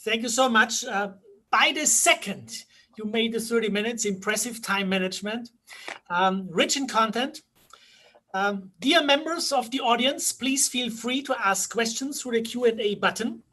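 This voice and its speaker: A woman from Austria, moderating a webinar Q&A on a video call and speaking in a slow, deliberate way with frequent fillers. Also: a little high, sharp tone, a little hiss or hum. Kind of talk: hosting a webinar Q&A.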